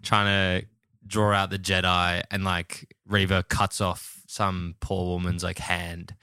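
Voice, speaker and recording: Man, podcast host, casual chat, low-ish, smooth. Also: flat delivery, slow pace, pushed and bright, dry recording, clean studio sound.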